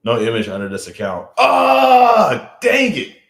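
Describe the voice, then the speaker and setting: This man's voice runs on the high side and fairly bright, with huge pitch swings, vocal fry and a measured pace. He's a late-thirties streamer hosting a casual livestream, joking about viewer comments in a loose, filler-heavy way. His home mic has a roomy echo.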